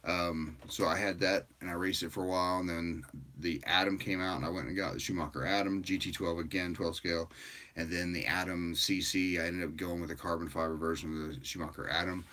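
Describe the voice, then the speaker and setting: A tired man hosting a livestream, chatting casually with viewers in a rambling, relaxed way. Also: deep voice, a little fast. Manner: rambling and relaxed, with frequent fillers and laughs. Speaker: livestream host.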